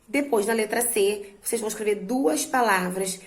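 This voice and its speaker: A woman teacher slowly and patiently walking her students through a worksheet, drawing out words to stress their syllables. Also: medium pitch, roomy sound, rough recording. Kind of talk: remote lesson walking students through exercises.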